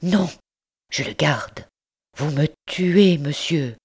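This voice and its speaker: A woman's voice: deep voice, takes it slowly, darkish tone, breathy edge, heavily acted. A woman voicing a frail young mother in an audiobook, pleading in a trembling voice.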